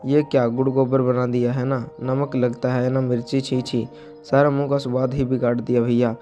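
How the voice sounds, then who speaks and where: Brief: mocking, disgusted villager, flat tone, voiced by a man. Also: medium pitch, normal speed, faint music behind, natural voice. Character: scornful male village customer.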